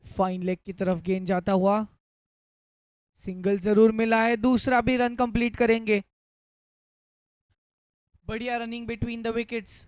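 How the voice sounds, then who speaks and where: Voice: mid-range voice, level tone, slow, pauses often, clear, resonant tone, no echo, poor audio. A Hindi cricket commentator calling play ball by ball, mixing in English cricket terms.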